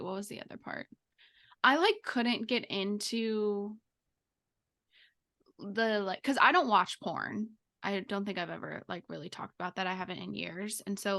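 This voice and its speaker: With a bright, pushed, medium-pitched voice, a woman chats informally as a podcast co-host, dropping "like" into her sentences again and again.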